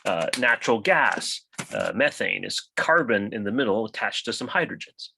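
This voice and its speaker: A man giving a college science lecture, lively and chatty, often checking in with "right?" and asking his class questions. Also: lowish voice, normal speed, gravelly, a little hiss or hum, rough recording. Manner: animated, rhetorical questions with frequent "right?". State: coughing, hiccups.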